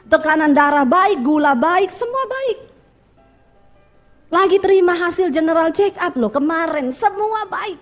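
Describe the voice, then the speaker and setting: A woman pastor with a very high voice preaches to her congregation, telling stories and acting out what people said. She keeps throwing questions back at the listeners. Soft music plays faintly underneath. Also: a little slow. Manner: lively storytelling sermon with quoted voices and rhetorical questions. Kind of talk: sermon.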